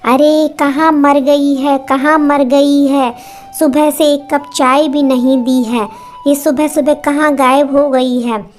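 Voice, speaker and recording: A woman voicing a sharp-tongued mother-in-law who shouts and taunts sarcastically. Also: sits high, measured pace. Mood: angry scolding.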